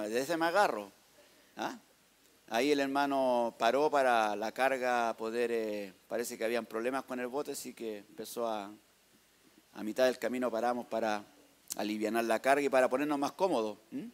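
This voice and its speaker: Chilean man telling a lively church testimony. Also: medium pitch. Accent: Chilean Spanish. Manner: lively storytelling, tags "hermano" and "¿ah?". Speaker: church member giving a testimony. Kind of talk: church testimony narrating photos.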